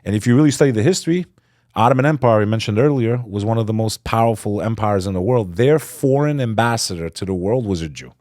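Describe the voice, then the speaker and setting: Earnest low-voiced man lecturing. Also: quick pace, a little mellow, dry recording, clean studio sound. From Texas. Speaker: podcast guest. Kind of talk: casual podcast conversation.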